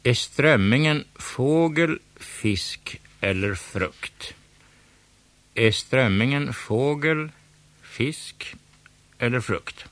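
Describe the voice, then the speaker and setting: Storybook villain: a pompous, snappish male cat hosting a quiz, put on by a male narrator, pitched up and loud. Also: lively intonation, no room sound, lightly acted. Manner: loud showy announcing, snapping when crossed.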